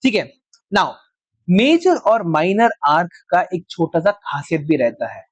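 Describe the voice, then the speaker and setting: Slow-dictating male maths teacher. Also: high voice, sing-song, no echo, poor audio. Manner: slow dictation word by word, checks with frequent questions. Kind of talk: live class lecture.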